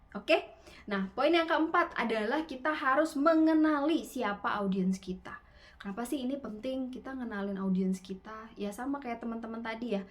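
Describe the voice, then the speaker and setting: A woman teaching public speaking in an online webinar, with lively rising and falling intonation and casual fillers. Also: mid-range voice. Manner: gestures constantly with her hands; casual Indonesian fillers like "gitu ya".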